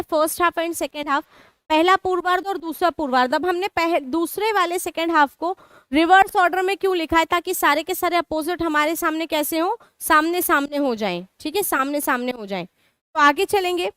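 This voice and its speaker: Woman teacher doing a live online class, really high voice, dry close sound, asks and answers her own questions. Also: a bit bright, dry recording. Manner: asks students questions and answers them herself; mixes Hindi with English terms. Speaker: online exam-prep teacher.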